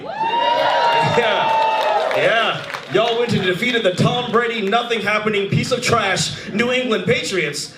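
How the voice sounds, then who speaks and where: A man in his thirties doing a stand-up comedy set, animated and shouting his punchlines. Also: high voice, background noise. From United States. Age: 30s. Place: comedy club stage before a live audience. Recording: roomy club with crowd laughter. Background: audience laughing.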